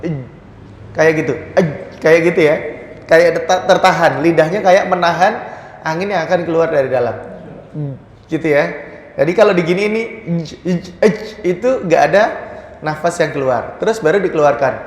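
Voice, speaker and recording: Man teaching recitation in an echoey prayer hall. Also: a little high. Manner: drawn-out pronunciation drills, frequent "ya" and "gitu". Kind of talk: casual tajwid lesson with demonstrations. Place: prayer room, indoors.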